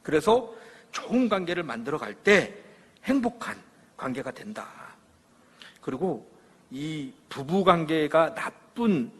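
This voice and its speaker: A middle-aged man gives a parenting lecture to a church audience, his voice husky and pitched fairly high. He tells stories with lively swings of pitch, acting out the quoted lines and asking for agreement. The sound carries a long reverb from the hall. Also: unhurried.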